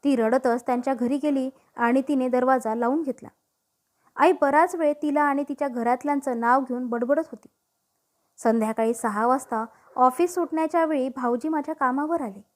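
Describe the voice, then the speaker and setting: A woman reads a scripted story aloud in a steady, even manner. Her voice sits high and light throughout. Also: moderate pace.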